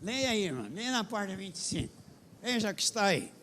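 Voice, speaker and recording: A preacher with a strikingly high voice gives an impassioned sermon. His delivery swings into loud, emphatic questions. He talks plainly and directly to the congregation. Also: big pitch swings, a little fast, slight background noise. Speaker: pastor.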